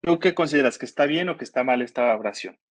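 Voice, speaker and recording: A man's voice: medium pitch, lively intonation, fast, no echo. A man teaching an online writing workshop, patiently explaining grammar step by step and asking his students questions. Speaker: workshop instructor.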